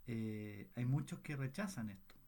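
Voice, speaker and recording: Guiding a group through a Bible passage, this man often pauses to pose questions and make sure everyone is following. His mid-range voice is animated yet a little mellow, and his delivery is slow and considered, with occasional restarts.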